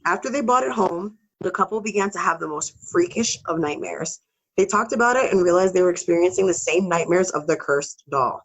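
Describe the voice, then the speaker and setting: A woman's voice: lowish voice, expressive, a little fast, low-quality recording. Woman casually telling spooky stories. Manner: casual, swears, laughs between story beats. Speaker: podcast co-host. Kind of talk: casual storytelling podcast chat.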